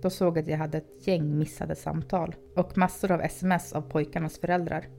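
Female storyteller, low dark voice, calm reading, faint music bed. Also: creaky, a little hiss or hum. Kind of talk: podcast horror story narration.

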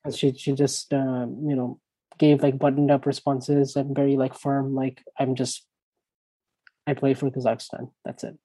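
A man co-hosting a casual tennis chat, thoughtful and often trailing off softly. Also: medium pitch, monotone, normal speed, no room sound, poor audio. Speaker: podcast co-host.

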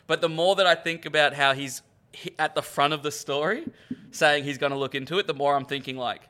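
An Australian man co-hosting a sports podcast in loud, matey lad banter, blokey, sweary and rambling. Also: on the high side, a little fast, clean tone.

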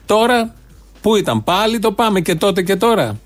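Man, sarcastic political commentary, raised pitch, talk show host. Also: big pitch swings.

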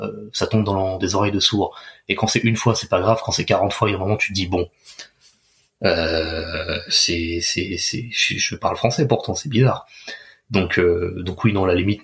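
A man's voice: low voice, a bit bright, breathy edge. A man working as a fitness coach, talking casually in an interview, loose and chatty with many restarts.

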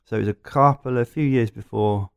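A man's voice: medium pitch, a little fast, vocal fry, clear, resonant tone. A man with an Essex accent telling anecdotes in a casual chat, in a rambling, jokey way. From Essex, England. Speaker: podcast guest.

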